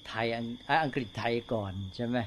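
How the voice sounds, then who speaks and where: An older male Buddhist monk speaks slowly and unhurriedly to fellow monks, frequently checking in with tag questions. His voice is mid-range with fairly even intonation, over slight background noise.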